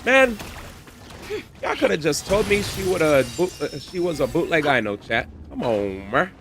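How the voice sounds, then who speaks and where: A man's voice: fairly high pitch, lively intonation, moderate pace, noisy background. A man live-streaming a game, chatting casually and reacting in slang.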